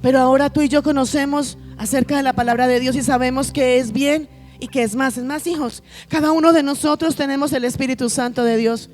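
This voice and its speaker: A woman pastor with a high voice preaches a sermon, pressing each point by repeating her phrases and calling the congregation her children. Faint music plays behind her. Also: fairly even intonation, a little fast, a little mellow. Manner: emphatic, repeats phrases, addresses listeners as children.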